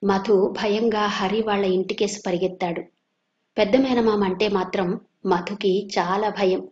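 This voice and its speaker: A woman from Andhra Pradesh, India, reads a serialized audio novel in a steady storytelling voice. Her pitch sits in an ordinary middle range. The recording is dull and lo-fi. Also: unhurried. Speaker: audiobook narrator. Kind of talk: storybook narration.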